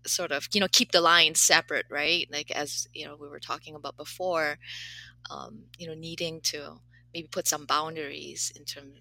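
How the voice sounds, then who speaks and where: A woman's voice: deep voice, fairly even intonation, moderate pace, vocal fry, bright, forceful tone, rough recording. A woman professor from Malaysia and Canada talking as an interview guest, thoughtful and hesitant with many fillers. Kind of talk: casual interview conversation.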